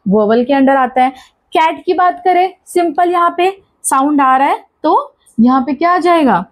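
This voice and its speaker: A woman's voice: sits high, animated, normal speed. A woman with an Indian accent teaching English grammar, asking questions and answering them herself and repeating key points. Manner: mixes Hindi with English terms. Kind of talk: classroom-style grammar lesson.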